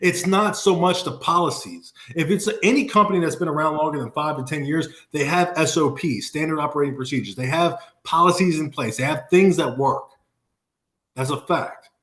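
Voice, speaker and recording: A man gives a motivational sales talk over a video call, pressing each point home by repeating it. His voice sits a bit high and rings off the walls of a roomy space. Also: moderate pace, fairly bright tone. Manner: emphatic, repeats key phrases for punch. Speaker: sales coach and Marine.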